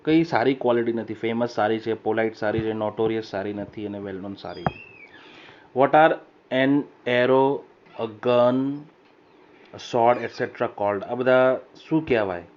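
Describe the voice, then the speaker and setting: Male English teacher, mid pitch, slow emphatic reading of examples, frequent check-ins; muffled lo-fi recording with faint noise. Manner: reads English sentences slowly and louder, then explains; keeps checking understanding with short questions. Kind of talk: recorded classroom lesson. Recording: dull lo-fi voice recorder with faint hiss.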